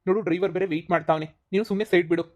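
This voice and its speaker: A woman voicing a short-tempered middle-aged husband, scolding rapidly in a cartoon comedy. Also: on the low side, fairly even intonation, natural voice. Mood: angry. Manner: scolding, rapid, repeats insults.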